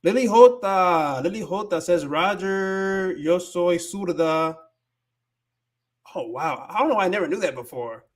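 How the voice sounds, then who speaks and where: An American Spanish-teaching livestream host with a slightly high voice talks at a slow pace. He casually reads viewers' comments, alternating Spanish with English and tripping over himself as he searches for words.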